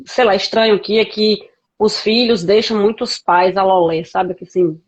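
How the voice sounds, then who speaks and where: A woman with a lilt speaks as a guest and recounts her life plainly, stumbling and restarting mid-sentence. Her mid-pitched voice comes through a muffled, lo-fi connection. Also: fairly even intonation, breathy edge. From Brazil. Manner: frank, halting storytelling with many restarts. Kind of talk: candid conversational interview.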